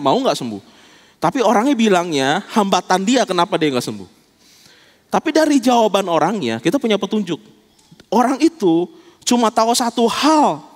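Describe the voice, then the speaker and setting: Animated male pastor preaching in a church hall. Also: high-pitched. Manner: animated, colloquial storytelling preaching. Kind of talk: sermon.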